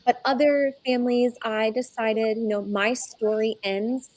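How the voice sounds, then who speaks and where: A young adult woman, a guest in an interview, telling her own story earnestly and slowing down when she is moved. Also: on the high side, fairly even intonation, darkish tone, low-quality recording. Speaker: egg donor guest. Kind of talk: conversational interview.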